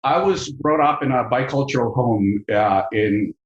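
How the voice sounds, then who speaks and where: A middle-aged business school professor with a Mexican accent is a guest on a podcast, speaking thoughtfully with lots of fillers and repeated words. His mid-range voice moves a little slowly, and the audio is dull, recorded in an echoey room.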